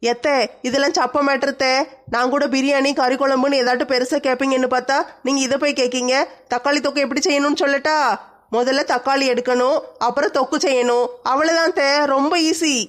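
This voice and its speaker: A woman's voice: high voice, steady tone, fairly quick, natural voice. A woman playing a cheeky young daughter-in-law. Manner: cheeky, pleading, teasing.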